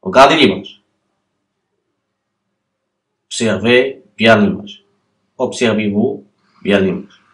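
A man teaching a class, guiding learners through written exercises with deliberate pauses and spelled-out syllables. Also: on the low side, fairly bright tone. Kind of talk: slow, patient classroom exercise walkthrough.

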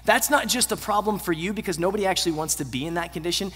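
A pastor in his thirties preaches a sermon at a quick pace in a fairly high voice, speaking earnestly. He pushes up to emphatic peaks, then falls away to quiet, low endings. A long reverb from a large church auditorium surrounds his voice.

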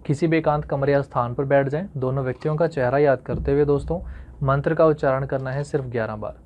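A man's voice: mid-range voice, steady tone, fast talker, darkish tone. Man giving step-by-step instructions. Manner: addresses viewers as friends, step-by-step instructions. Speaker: host of an occult remedies channel. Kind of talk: instructional monologue. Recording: dull lo-fi recording.

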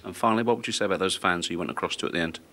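A man's voice: sits low, very fast, sharp tone. A man working as a TV sports reporter, pressing a manager with probing post-match questions.

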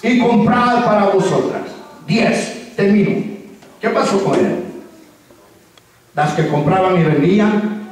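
A man preaching a sermon as pastor, urging the congregation to repeat after him and acting out quoted dialogue. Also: high voice. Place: church. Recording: very echoey church sound from far off.

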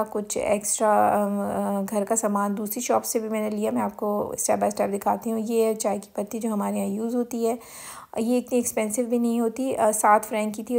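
This home vlogger's mid-range voice is gravelly and darkish, with a Pakistani accent. Her grocery haul voice-over is relaxed and chatty as she explains her purchases and slips English words into her speech.

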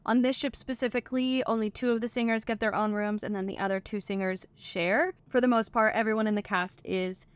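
A woman's voice: medium pitch, fairly even intonation, brisk, few pauses, smooth, no echo. Woman, 20s, ship performer vlogging to camera; chatty, filler-heavy delivery, clean dry sound. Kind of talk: casual vlog explainer. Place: small crew cabin on a ship.

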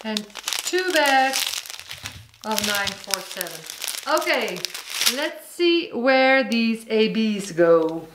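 A woman's voice: fairly high pitch, big pitch swings, drawn-out words, roomy sound, very noisy. A woman chatting casually to her viewers as she unboxes and shows off a craft kit, describing each item and calling her audience "guys". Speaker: crafting vlogger.

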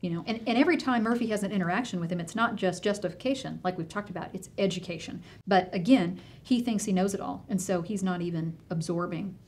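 A woman's voice: medium pitch, quick pace, few pauses, darkish tone. A woman therapist in a casual conversation, analyzing behavior and affirming her partner often. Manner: engaged, analytical, frequent affirmations. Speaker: mental health therapist.

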